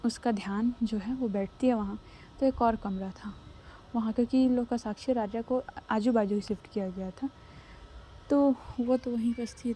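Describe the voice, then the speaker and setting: Woman storyteller, casual narration, mellow dark tone, faint background noise. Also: on the high side. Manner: conversational, mixing English words into Hindi.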